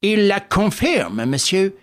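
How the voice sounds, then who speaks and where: A man doing a high-strung detective. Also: big pitch swings, takes it slowly, exaggerated voice. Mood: assured. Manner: shouting, high and strained. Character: agitated male detective, sharp and proud.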